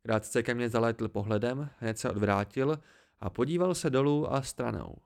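A man with a gravelly, creaky voice reads an audiobook aloud. He tells the story calmly in the first person, at a middle pitch. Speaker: audiobook reader. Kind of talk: amateur audiobook narration.

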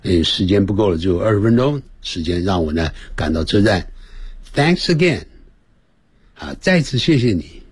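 A man teaching English on a radio lesson, explaining phrases and drilling pronunciation by stretching words out slowly. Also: deep voice, lively intonation, slightly rough, no room sound. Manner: switches between explanation and example phrases.

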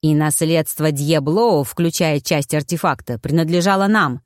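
A woman's voice: sits low, normal speed, no echo, studio quality, close to an everyday voice. A woman voicing a scheming male nobleman impostor who speaks in curt, scolding tones.

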